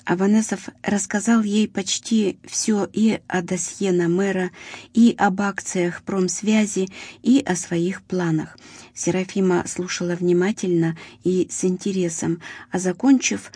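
A woman narrating an audiobook, telling the story in an even, measured way. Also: medium pitch, breathy edge, dry recording. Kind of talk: scripted narration.

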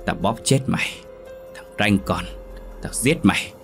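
A man's voice: lowish voice, a little slow, vocal fry. A man voicing a vengeful ghost that has possessed a girl, snarling threats in a horror story. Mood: menacing. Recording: faint music behind.

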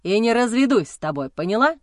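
A woman voicing an angry, jealous grown man who growls and sneers in slow, heavy words. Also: a little high, sing-song, no room sound, clean studio sound. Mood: snarling.

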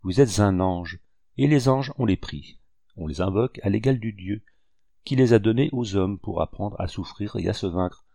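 A man's voice: fairly low pitch, normal speed, gravelly, dark tone, no room sound, studio quality. A man reading an earnest devoted officer. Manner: earnest, emotional. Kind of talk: audiobook reading.

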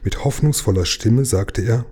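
A man narrates a children's story in a calm, even storytelling voice. His tone is low and mellow with a husky edge. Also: moderate pace. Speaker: reader of a children's book. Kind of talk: audiobook narration.

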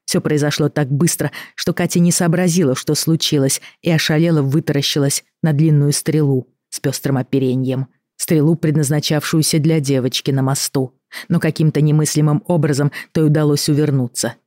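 A woman with a low, deep voice narrates a storybook in a measured, expressive way. The recording is dry and close, with no room sound. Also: no echo. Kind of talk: audiobook narration.

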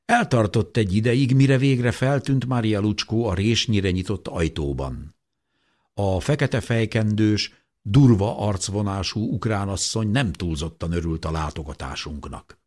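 Husky low-voiced male audiobook narrator. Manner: dramatic, expressive reading. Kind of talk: scripted narration.

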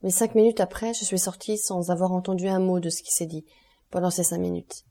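A woman's voice: on the low side, flat delivery, a little fast, warm tone. A woman voicing a dutiful, anguished young noblewoman in an audiobook, speaking in a pleading, distressed way. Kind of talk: audiobook character reading.

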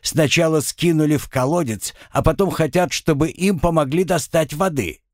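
A man's voice: on the high side, moderate pace, darkish tone, dry recording, clean studio sound, voice pushed up, close to an everyday voice. A man voicing the grumbling, self-pitying spirit of a drowned man, raising his voice noticeably above his usual reading. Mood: aggrieved. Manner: complaining, exasperated. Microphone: close studio mic.

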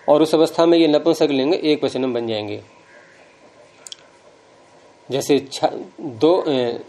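A man's voice: on the high side, warm tone. Patient man teaching Sanskrit grammar. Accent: Hindi. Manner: patient, explanatory, repeats word forms aloud. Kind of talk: classroom grammar lesson.

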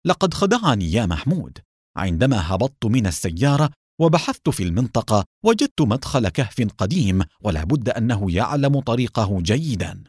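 A man's voice: lowish voice, big pitch swings, brisk, a little mellow, slightly rough, no echo, studio quality. A man reading a story voices a confident young detective hero. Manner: confident, determined.

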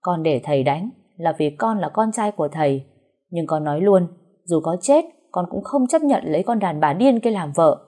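A woman's voice: fairly low pitch, lively intonation, normal speed, warm tone. A woman voicing a stubborn, angry young man who speaks curtly and defiantly. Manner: curt and defiant.

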